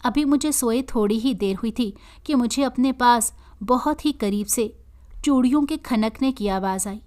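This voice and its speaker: Woman storyteller, earnest, steady reading, fairly high voice. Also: a little slow. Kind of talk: scripted story narration.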